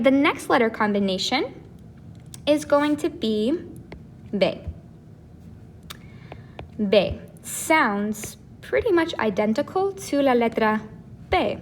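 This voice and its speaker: A woman teaching a casual video lesson, who explains slowly and repeats each sound. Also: sits high, a little hiss or hum. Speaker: Spanish teacher.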